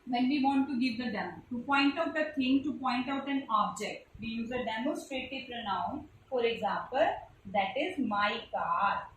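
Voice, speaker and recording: Indian english lady teacher going over grammar, high voice, super echoey room, mic far off, bit of background hiss. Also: moderate pace, a bit bright. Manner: explains step by step, spells letters out, addresses pupils as beta. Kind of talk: classroom grammar lesson. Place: classroom. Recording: echoey room recorded from a distance.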